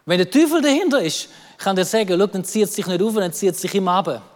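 A man with a Swiss German accent preaching a lively sermon, acting out quoted voices and repeating words as he goes. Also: high-pitched, fast talker, in a large hall. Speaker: pastor.

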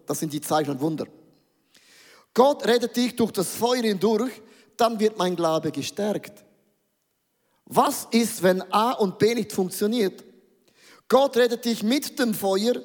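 An emphatic male preacher in full sermon mode, rallying his audience and tossing in English catchphrases. His voice sits very high for a man. The sound rings with the long reverb of a large hall. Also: unhurried, long pauses. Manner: emphatic, rousing, calls for the audience to answer.

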